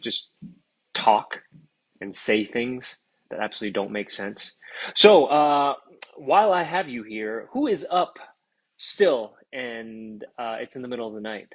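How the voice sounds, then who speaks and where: A man's voice: mid-range voice, lively intonation, a little slow, poor audio. A man, an actor, chatting casually and rambling on a phone livestream while promoting his film. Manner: rambling, self-aware filler talk; upbeat and chatty with guest.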